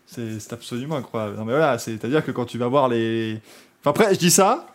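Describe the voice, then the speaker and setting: Joking motorsport podcast host. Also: male voice, medium pitch, animated, a little fast. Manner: joking, rambling, frequent restarts. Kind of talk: casual motorsport chat.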